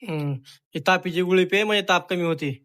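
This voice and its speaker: A father vlogging at home, talking softly and soothingly to comfort his crying young daughter. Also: sits high, brisk, smooth. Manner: soothing, coaxing a crying child. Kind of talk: casual family vlog.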